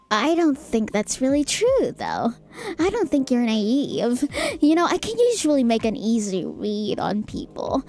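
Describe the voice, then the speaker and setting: A woman's voice: fairly high pitch, heavily acted. A woman voicing a blunt, teasing young woman. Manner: blunt and teasing, swings to loud outbursts.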